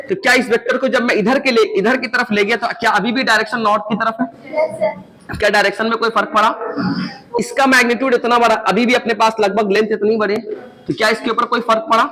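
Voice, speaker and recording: A man's voice: sits high, pushed and bright, low-quality recording. A man teaching a physics lecture. He keeps asking his students questions and answering them himself, and he repeats the key points.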